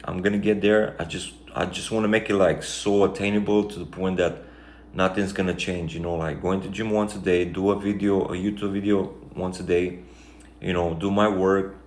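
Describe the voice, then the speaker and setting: A man's voice: low-pitched, flat delivery, moderate pace, darkish tone. A man from Romania with a Romanian accent, talking through a reflective, rambling life update full of fillers. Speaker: vlogger. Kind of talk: casual life-update monologue. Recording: echoey room, faint background noise.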